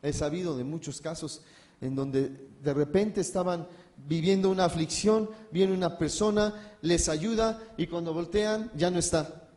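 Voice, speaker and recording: A man's voice: a little high, measured pace, a little mellow. A man preaching a sermon, telling personal stories in a conversational way and speaking straight to the congregation. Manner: conversational storytelling, addresses the congregation directly. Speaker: pastor.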